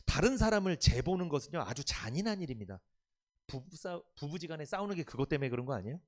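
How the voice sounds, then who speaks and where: A man's voice: fairly high pitch, big pitch swings, quick pace. A male pastor giving an emphatic sermon, often putting questions to the congregation and having them repeat phrases. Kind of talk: Sunday afternoon sermon.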